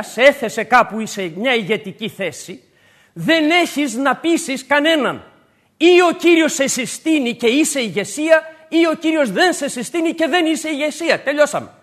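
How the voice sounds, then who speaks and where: A man's voice: very high-pitched, fairly bright tone. A man preaching a sermon to his congregation, emphatic and repeating his key points.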